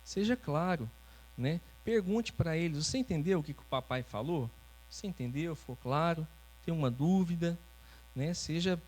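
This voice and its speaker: A man's voice: fairly high pitch, darkish tone, rough recording. A man preaching as pastor, teaching in a conversational way and often checking in with his listeners. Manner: conversational, often ends phrases with "né?". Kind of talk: teaching sermon with congregation interaction. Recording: faint mains hum.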